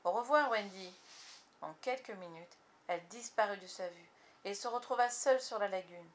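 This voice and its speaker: A woman narrating a storybook in an expressive, measured way. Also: medium pitch, reverberant. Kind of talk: storybook reading.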